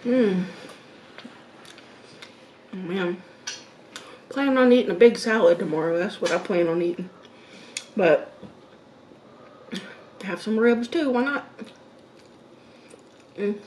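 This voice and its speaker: A woman's voice: medium pitch, expressive, a little mellow, recorded from a distance. A woman in her fifties chatting casually to viewers while she eats, musing aloud between mouthfuls and murmured mms. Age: 50s. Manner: eating while talking, with mm sounds and pauses. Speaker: mukbang host. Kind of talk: casual mukbang chat to viewers. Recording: roomy echo, background noise.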